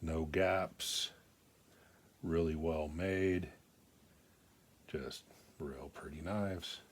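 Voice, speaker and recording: A man's voice: a bass voice, extremely slow, a little hiss or hum. An older man giving a casual show-and-tell of his collection, talking in a plain-spoken, folksy, rambling way. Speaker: knife collector presenting his pocketknives.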